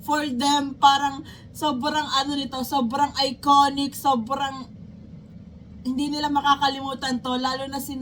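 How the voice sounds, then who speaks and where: Chatty high-voiced Filipina reactor. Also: female voice, flat delivery, unhurried, a little hiss or hum. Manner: chatty, gushing, exclaims loudly. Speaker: reaction channel host. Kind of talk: casual reaction commentary. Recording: loud music playing behind.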